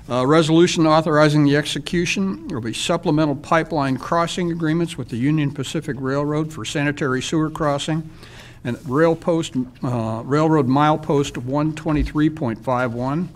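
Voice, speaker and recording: A middle-aged man as mayor, chairing a town council meeting at a desk microphone and reading agenda items in a measured, businesslike way with frequent fillers. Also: mid-range voice. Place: council chamber. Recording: faint hiss in a council chamber.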